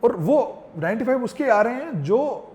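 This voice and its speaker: A man telling a lively family story on a podcast, acting out his own lines and his child's. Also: extremely high pitch, normal speed. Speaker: father talking as podcast guest. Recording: long reverb.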